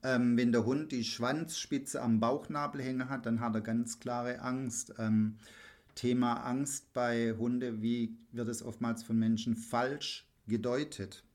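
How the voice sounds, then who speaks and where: A man working as a dog trainer, talking bluntly and emphatically in a casual podcast chat, acting out his clients in quick back-and-forth. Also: mid-range voice, little pitch movement, darkish tone.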